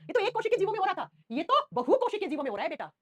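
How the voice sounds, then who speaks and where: A young woman teaching a science class online, animated, repeating key terms and fondly calling students "beta". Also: very high-pitched, very fast.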